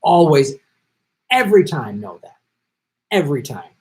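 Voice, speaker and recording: His voice is fairly high and a little mellow, swinging widely in pitch. This middle-aged livestream host, jet-lagged and losing his voice, chats casually, reads comments from viewers, thanks them by name, and makes quick asides.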